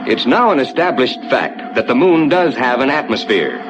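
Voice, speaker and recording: An American man plays an assured rocket ship captain guiding passengers through space, narrating a scripted 1950s ride in a measured, reassuring, explanatory way. His natural voice is very animated. The dull 1950s soundtrack carries loud rumbling noise.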